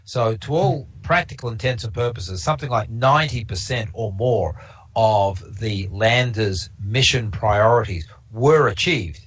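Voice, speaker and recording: A Canadian man who isn't a native English speaker presents a casual observatory talk, rambling with lots of fillers and restarts. His voice is lowish and slightly rough, heard through slightly dull lo-fi stream audio.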